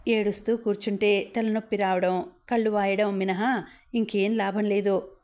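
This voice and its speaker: A woman reading the lines of a calm, kindly young man who patiently gives advice. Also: mid-range voice, moderate pace, close to an everyday voice. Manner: steady, patient, reassuring.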